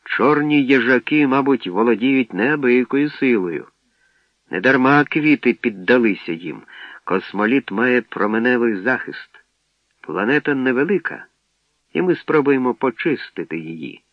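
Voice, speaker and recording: A man's voice: medium pitch, expressive, a little slow, dry recording. A man voicing a stern adult male spaceship captain who speaks firmly and decisively, on a dull, dry recording. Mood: resolute.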